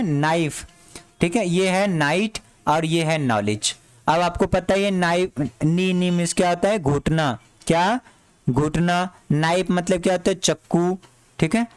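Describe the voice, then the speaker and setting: High-voiced male teacher drilling words. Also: clean tone, dry recording, poor audio. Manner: repeats each word and asks the class to answer back. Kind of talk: classroom lesson.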